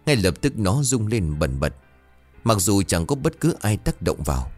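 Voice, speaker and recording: Brief: male storyteller, low and lively, soft music underneath. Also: moderate pace, slightly rough. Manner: dramatic, expressive storytelling. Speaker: narrator. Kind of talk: scripted horror story narration.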